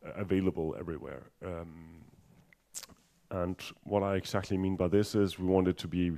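Speaking accented English at a software conference, this deep-voiced presenter from Denmark handles technical points in a dark, laid-back tone. He stops often, begins sentences over, and uses a dry, self-mocking wit.

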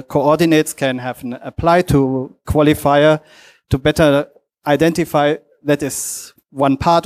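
A man who is not a native English speaker gives a lightning talk presentation in a halting, hesitant way, in short fragments. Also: on the high side, a little mellow. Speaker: conference speaker.

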